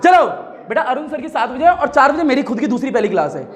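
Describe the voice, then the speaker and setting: Man, physics teacher, very high voice, chatty lecture style, keeps repeating key terms. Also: big pitch swings, quick pace. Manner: chatty, repeats key words, prompts students to answer. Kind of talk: classroom lecture dictating notes.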